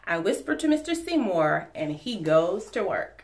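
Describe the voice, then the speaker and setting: A woman in her forties, a teacher reading a children's storybook aloud at home in an expressive, animated way. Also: fairly low pitch, moderate pace. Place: living room at home.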